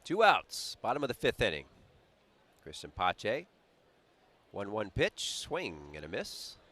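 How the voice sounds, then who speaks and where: A man's voice: fairly low pitch, takes it slowly. Chatty man calling a baseball game. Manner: chatty, animated storyteller with a laugh. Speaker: play-by-play announcer. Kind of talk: baseball broadcast commentary.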